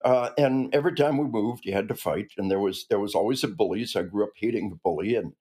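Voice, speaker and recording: A podcast guest in his sixties, this retired army officer from a Midwestern upbringing talks fast in a fairly low voice that is warm and slightly rough. He comes across as earnest and emphatic during the conversational interview, restarting often.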